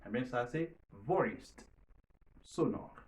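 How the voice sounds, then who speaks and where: A man teaching English pronunciation, repeating each drill word slowly and loudly. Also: medium pitch, lively intonation, recorded from a distance. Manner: repeats drill words loudly and slowly, mixes French and Creole. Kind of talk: pronunciation lesson.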